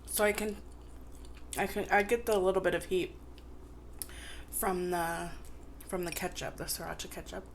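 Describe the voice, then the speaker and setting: A woman's voice: fairly low pitch, steady tone, normal speed, pauses often, slight background noise. A woman chatting casually to viewers on an eating show, chewing as she talks and eating between phrases. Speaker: mukbang vlogger.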